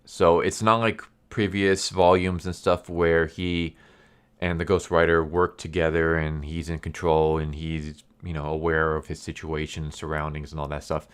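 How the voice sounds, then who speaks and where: Male reviewer, very low voice, non-native English speaker, R's come out as W's, stumbles over words, casual rambling delivery. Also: flat delivery, clean tone. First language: a language other than English. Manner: says w for r, slows down on r sounds. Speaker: comic book reviewer.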